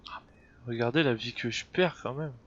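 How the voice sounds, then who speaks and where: Muffled and noisy, this home recording has a gameplay creator with a head cold talking through a video game. His voice is mid-range at a moderate pace, and he hesitates constantly, restarting sentences and padding with fillers while puzzling over events.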